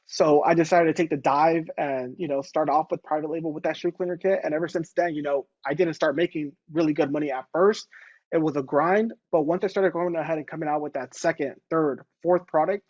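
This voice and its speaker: A man in his late twenties, a guest on a casual video interview, talking in a relaxed way with many fillers. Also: on the high side, a little fast, no echo, muffled recording. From Los Angeles. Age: 20s. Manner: relaxed, fillers like "going ahead". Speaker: guest entrepreneur.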